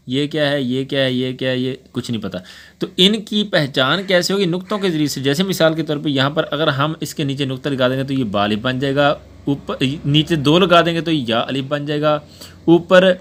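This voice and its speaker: A man's voice: a little high, a bit bright. A man teaching Quran reading, patiently spelling out letters one by one for pupils to repeat. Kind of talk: spoken Urdu lesson.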